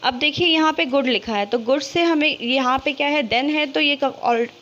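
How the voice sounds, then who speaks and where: High-voiced woman teaching grammar, lo-fi. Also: fairly bright tone. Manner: asks questions and answers them herself; slow, drawn-out reading of example words. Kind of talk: explanatory lesson in Hindi with English terms.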